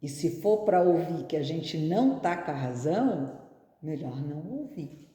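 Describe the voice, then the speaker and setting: A woman's voice: sits low, lively intonation, a little slow, dark tone. A woman giving a reflective spiritist talk, often asking rhetorical questions. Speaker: spiritist speaker. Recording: echoey hall.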